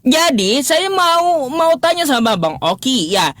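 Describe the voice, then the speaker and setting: A man's voice: very high-pitched, big pitch swings, a bit bright, no echo, studio quality. A man in a live-streamed religious debate, asking mocking, repeated rhetorical questions with laughter and stopping often to fiddle with his laptop. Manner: pauses, restarts and fumbles with his laptop.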